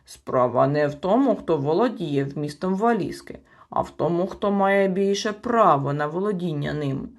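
A woman voicing a clever, haughty male storybook creature who speaks smugly and argues his case, lower than her narration. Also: moderate pace, creaky, few pauses.

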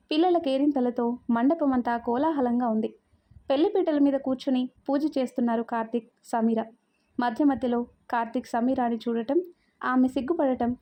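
A woman narrating a family drama story in a calm, even storytelling manner. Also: fairly high pitch. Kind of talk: scripted narration.

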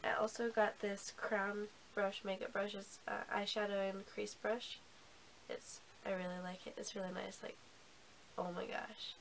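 A woman who is sick and hoarse, chatting casually about beauty products with lots of ums and restarts. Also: mid-range voice, little pitch movement, measured pace, slight background noise. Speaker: beauty vlogger. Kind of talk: casual haul review.

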